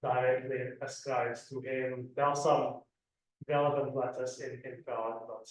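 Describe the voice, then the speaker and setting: Flat-voiced man. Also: medium pitch, measured pace. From Czech Republic. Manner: repeats words while answering. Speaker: conference panelist. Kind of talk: answering audience questions. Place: conference room. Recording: echoey room, far from the mic.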